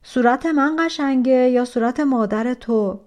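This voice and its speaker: A woman voicing a big, hulking demon in a storybook tale, who asks questions and gives orders loudly. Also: sits high, lightly acted. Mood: questioning. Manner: loud, commanding questions.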